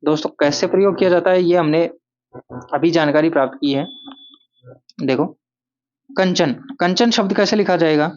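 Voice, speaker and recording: Man teaching grammar, repeating words slowly. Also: fairly high pitch, darkish tone, muffled recording. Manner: repeats words slowly, asks and answers his own questions. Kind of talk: classroom-style grammar lesson.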